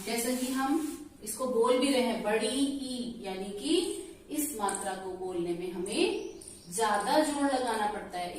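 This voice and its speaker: Female teacher, higher voice, slow and patient classroom delivery, distant mic with heavy room echo. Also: a little hiss or hum. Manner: slow, patient explaining with questions to pupils. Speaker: school teacher. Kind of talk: classroom lesson. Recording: very echoey room, voice from far off.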